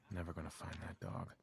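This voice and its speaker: An easygoing young father, deep-voiced. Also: creaky, husky, heavily acted.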